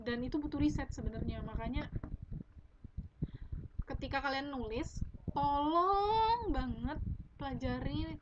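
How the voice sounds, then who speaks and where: A young woman editing her own novel on a live stream, reading her draft aloud and chatting about it. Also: fairly high pitch. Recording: dull lo-fi audio with loud background noise.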